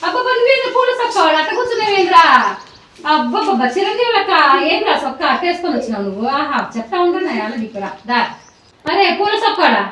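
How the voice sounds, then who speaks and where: A woman playing a stern, mocking village schoolteacher, her high voice swooping up and down as she rattles off scolding after scolding. She sounds set back from the mic in a very echoey room, in a comic skit. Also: a bit bright, distant mic, a little hiss or hum, exaggerated voice. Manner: scolding, teasing, repeating commands. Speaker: teacher.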